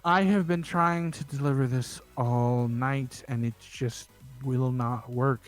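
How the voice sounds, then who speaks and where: A man's voice: medium pitch, fairly even intonation, slow pace, soft background music, close to an everyday voice. A man doing an exhausted, overworked guard. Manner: tired, sighing, pleading. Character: weary male guard, overworked and sleepless.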